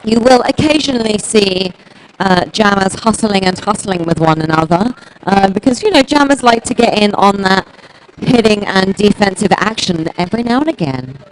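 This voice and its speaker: A woman's voice: medium pitch, expressive, moderate pace, a little hiss or hum, low-quality recording. A woman with a Minnesota accent calling play-by-play for a roller derby game in an upbeat, conversational way. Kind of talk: play-by-play commentary.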